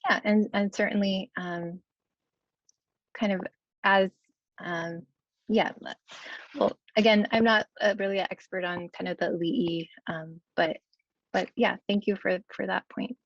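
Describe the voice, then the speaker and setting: A woman's voice: medium pitch, fairly even intonation, measured pace, no echo, lo-fi sound. A young woman scholar answering questions on a video call, hesitant, with many fillers and "right?" tags. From United States, Kentucky. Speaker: guest scholar. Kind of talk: online Q&A answer.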